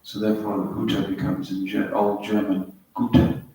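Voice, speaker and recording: A man's voice: on the low side, completely flat delivery, fairly quick, warm tone. Man teaching in a roomy hall. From Wales. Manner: storytelling, anecdotal, explains words step by step. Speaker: spiritual teacher. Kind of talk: spiritual talk to a small group. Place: yoga center hall. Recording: roomy hall, mic at a distance, faint hiss.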